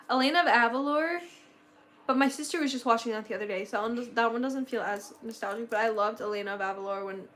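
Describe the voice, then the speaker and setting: Her voice is fairly high with a fairly bright tone. She's a young livestream host in her late teens, bubbly and gushing, rambling through lots of fillers while her voice sounds a little worn and slightly going.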